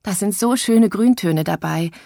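A high, slightly breathy young girl, as a woman reader puts her on, dreamy and given to melodrama. She talks on eagerly in a dry, close storybook recording. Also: measured pace, warm tone, dry recording. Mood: chatty. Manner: theatrical, then hesitant and chatty. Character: excitable young girl, dramatic, forgetful, dreamy.

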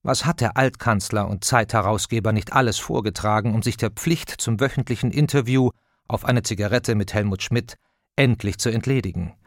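A man reading an audiobook introduction in a measured, even studio narration. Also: lowish voice, dry recording.

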